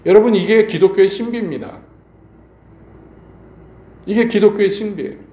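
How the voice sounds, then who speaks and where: Male pastor, middle-aged, warm voice, storytelling sermon in a roomy church hall. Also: high-pitched, moderate pace. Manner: storytelling preacher, appeals to the congregation with rhetorical questions. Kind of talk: evening sermon. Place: church sanctuary. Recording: echoey church hall, faint background noise.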